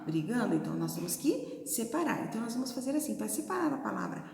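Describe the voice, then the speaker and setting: A Brazilian woman teacher gives a video lesson to young children, her raised, mellow voice swinging widely and roughened by a little gravel. She sounds out syllables slowly and patiently. The room around her rings with long, echoey reverb. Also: a little high, sing-song. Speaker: primary school teacher.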